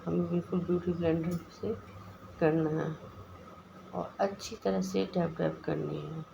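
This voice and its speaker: A woman's voice: on the low side, flat delivery, a little slow, creaky, background noise. A woman with an Indian Hindi accent, a makeup artist explaining each step of a makeup tutorial in a voice-over and calling her viewers guys.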